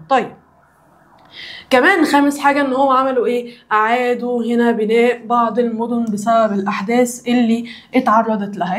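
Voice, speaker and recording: In this recorded children's social studies class, a young Alexandrian teacher with an Egyptian Arabic accent keeps repeating the same question to drill the answers. Her voice is on the high side.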